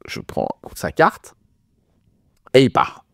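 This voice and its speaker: A man's voice: takes it slowly, a bit bright, no room sound, clean studio sound. A man as an interview guest, telling his life story in a colloquial way, acting out dialogue and restarting words as he goes. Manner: colloquial, acts out dialogue in changed voices; frequent stammered restarts.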